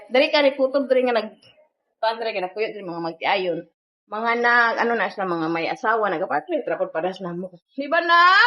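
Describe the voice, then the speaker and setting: A woman's voice: on the high side, fairly bright tone, roomy sound. A young woman from the Philippines chatting casually in a home vlog, talking to her viewers and coaxing her toddler. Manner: chatty, keeps addressing viewers, coaxes her toddler in baby talk. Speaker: vlogger and mother.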